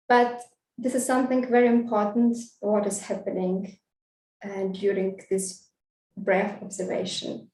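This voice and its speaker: A woman's voice: mid-range voice, dark tone. A woman who grew up in Russia and Vietnam, giving a thoughtful festival talk on street photography with frequent hesitant fillers. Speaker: guest speaker, street photographer. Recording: echoey room, distant mic.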